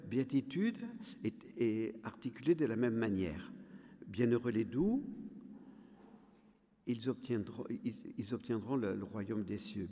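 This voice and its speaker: Slow, lively-voiced male preacher in a hall. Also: mid-range voice. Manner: slow, deliberate, stressing single words. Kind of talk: sermon teaching on scripture. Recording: long hall reverb.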